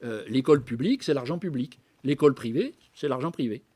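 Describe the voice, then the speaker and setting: A man's voice: mid-range voice, animated, fairly quick, a little mellow, husky. A man speaking as a guest at a public debate, lecturing conversationally to a live audience with many asides, hesitations and passages read aloud. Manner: reads historical documents aloud.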